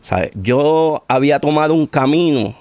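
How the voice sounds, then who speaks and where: A middle-aged man from Puerto Rico, with a Puerto Rican Spanish accent, shares his personal testimony as an interview guest, repeating phrases for emphasis. His voice sits fairly high and sounds darkish and smooth, unhurried, with no echo.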